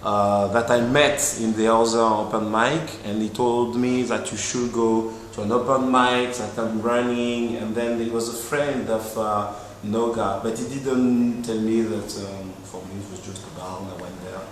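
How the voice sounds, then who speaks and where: Male guest, relaxed and rambling, recorded distant in a very roomy space. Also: fairly low pitch, moderate pace, hardly any pauses. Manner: loose and rambling, many fillers. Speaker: interviewee, musician. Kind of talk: casual interview answers. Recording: roomy echo, distant mic, faint noise.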